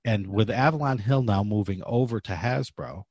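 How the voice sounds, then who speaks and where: Man, podcast host, lower voice, slightly husky, dry close sound, casual talk. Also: normal speed, darkish tone, no room sound.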